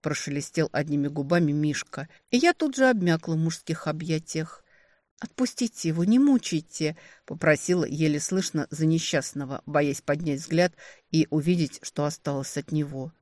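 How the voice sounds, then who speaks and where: An audiobook narrator reading a dark fantasy novel in an expressive, dramatic way. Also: mid-range voice, normal speed, no room sound.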